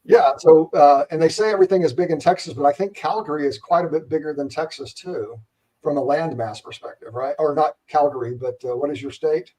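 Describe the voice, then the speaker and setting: Mellow-voiced man, distant call mic. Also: a little high, a little fast. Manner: relaxed, rambling, many fillers. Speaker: host, interviewer. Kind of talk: casual live-stream interview.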